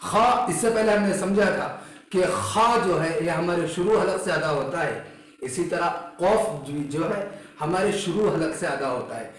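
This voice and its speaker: Guy teaching quran letter sounds, high voice, repeats each letter slow, super echoey room. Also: fairly bright tone. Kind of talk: explaining and demonstrating letter sounds.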